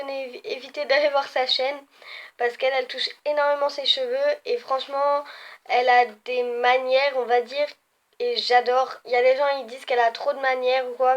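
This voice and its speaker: A young woman chatting casually in a vlog, filling pauses with "euh" and often correcting herself as she ranks her favourites. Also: high voice. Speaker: beauty vlogger. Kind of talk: casual ranking video.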